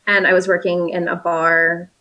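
A woman's voice: lowish voice, level tone, moderate pace, sharp tone, highs cut off. A woman in her late twenties, originally from South Africa, chatting casually and upbeat as an interview guest, with lots of fillers and easy laughs.

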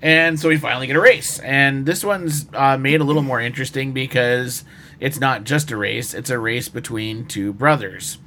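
A man's voice: mid-range voice, moderate pace, bright, forceful tone, slight background noise. A man hosting a podcast, chatting casually through an episode review. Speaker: podcast host.

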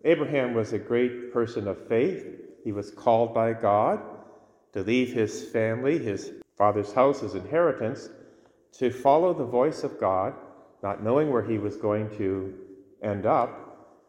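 A man speaking as a priest in a solemn, measured way, reading scripture and giving a homily in a church with a long cathedral echo. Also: on the low side, a little mellow. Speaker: priest reading the Gospel and preaching. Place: large reverberant church interior.

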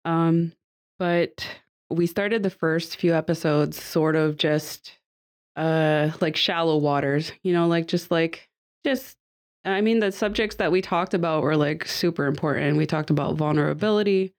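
This low-pitched woman speaks at a measured pace while hosting a relaxed podcast chat at a table with guests. Recovering from a cold that leaves her a little nasal, she stays upbeat and chatty, often laughing lightly and using fillers.

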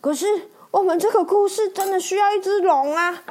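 A woman doing a quick, fussy gingerbread man. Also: very high-pitched, darkish tone, voice pushed up. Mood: urging. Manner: quick, emphatic refusals.

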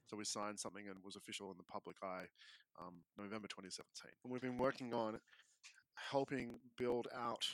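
An Australian man talking as a podcast guest in casual chat, quick and often restarting phrases as he explains. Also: on the low side, a bit bright, dry recording, low-quality recording.

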